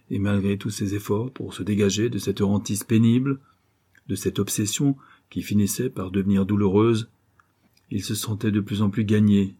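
A man's voice: on the low side, mellow, husky. A man narrating a novel in a dramatic, suspenseful reading style. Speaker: audiobook narrator.

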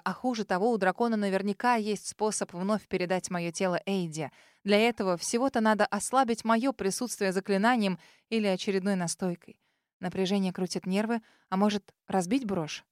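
A woman narrating a first-person fantasy audiobook with an expressive, tense dramatic reading. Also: mid-range voice, dry recording, studio quality.

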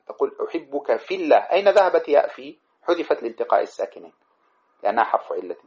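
A man teaching a lesson on a grammar poem, reciting verses and then explaining them with many examples. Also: mid-range voice. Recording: dull lo-fi recording.

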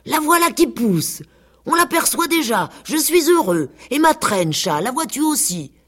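A woman voicing a vain, gullible male farm pig who frets over his looks and boasts eagerly, with a husky voice. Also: mid-range voice, very animated, unhurried, darkish tone, pitched above the performer's own voice.

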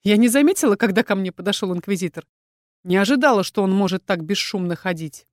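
A woman reads a first-person fantasy audiobook with lively, expressive delivery, her voice sitting at an ordinary middle pitch. She leans into the heroine's indignation without leaving the narrator's role. The sound is close and dry, with no room around it. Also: fast talker, no room sound.

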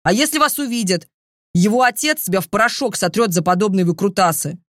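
A woman's voice: medium pitch, brisk, fairly bright tone, no room sound, studio quality, natural voice. Woman doing a growling dragon magister. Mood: angry. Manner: growling, hissing, commanding. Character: stern male dragon magister, short-tempered teacher.

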